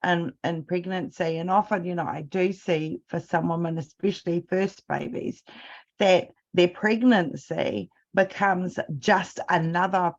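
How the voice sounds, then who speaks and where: A woman in casual conversation about pregnancy care, pausing and searching for words. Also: lowish voice. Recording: dull lo-fi sound.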